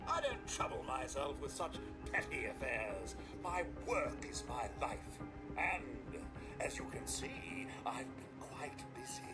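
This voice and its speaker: A man voicing a smooth-talking robot butler who became a careless surgeon, with a pompous, cheerfully callous, theatrical manner and a smooth synthetic robot sound. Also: mid-range voice, expressive, measured pace. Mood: smug. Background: game music.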